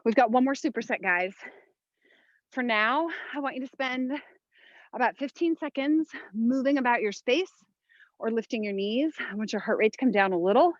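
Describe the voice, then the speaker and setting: A woman with a fairly high voice instructs a home workout. She coaches in motivational, short commands and counts, speaking through physical effort. The sound is very dry and a little dull. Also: no echo. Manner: exerting while talking, audible breaths and sighs. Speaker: fitness instructor, workout host.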